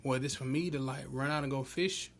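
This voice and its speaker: Man, colloquial conversational delivery, mid pitch, faint background noise. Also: steady tone, a little fast. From small town in Georgia, US. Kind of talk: casual group discussion.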